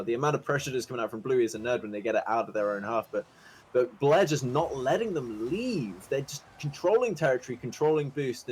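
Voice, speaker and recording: A man giving esports color commentary, joking and breaking into excited exclamations. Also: medium pitch, slight background noise, low-quality recording.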